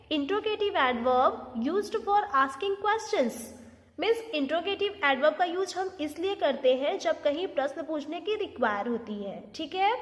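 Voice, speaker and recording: A woman teaching a grammar lesson online, switching between Hindi explanations and deliberate examples and often asking "Is that clear?". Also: sits high, long reverb tail. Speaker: English teacher.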